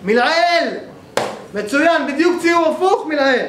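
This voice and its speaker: Male teacher, high-pitched, lectures methodically and keeps checking in with students; roomy, echoey sound with faint noise behind. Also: lively intonation, fairly bright tone. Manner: explains step by step, often checks with the class. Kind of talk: grammar class lecture. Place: synagogue hall.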